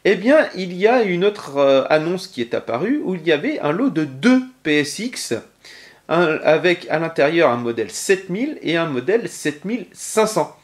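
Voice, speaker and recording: A man giving a casual show-and-tell presentation of a game console he collected. He talks hesitantly, with many fillers, pauses and self-corrections. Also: a little high, very animated.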